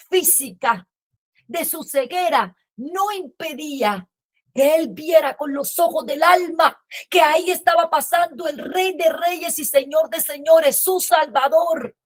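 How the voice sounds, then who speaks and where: Woman preacher, middle-aged, high and slow, impassioned sermon delivery. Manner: impassioned preaching, rising to shouts. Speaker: pastor.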